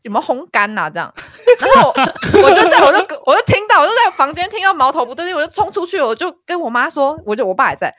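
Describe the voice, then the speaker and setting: A young woman chats on a podcast, rattling off family stories at a brisk clip. Her pitch jumps around as she acts out what everyone said. The recording is dry and close. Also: no room sound. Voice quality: animated storyteller, acts out family dialogue. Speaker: podcast co-host. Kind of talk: casual podcast chat.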